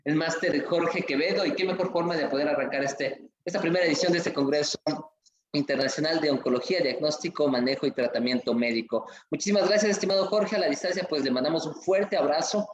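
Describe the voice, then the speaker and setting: A man with a fairly high voice speaks quickly as he hosts an online conference, reading viewer comments in an effusive, promotional way. The recording is muffled, made in an echoey room with faint music behind him.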